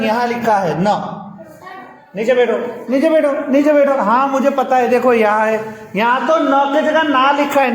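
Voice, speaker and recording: A woman teaching young children in class, patiently repeating questions. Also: fairly high pitch. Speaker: primary school teacher. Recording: echoey room with noise.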